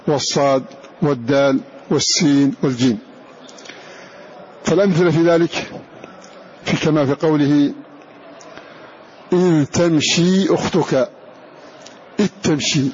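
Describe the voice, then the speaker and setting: A man teaching a Quran recitation lesson, who slowly repeats each example phrase and draws out its sounds. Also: a little high, a little mellow. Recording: dull lo-fi lecture recording with faint hiss.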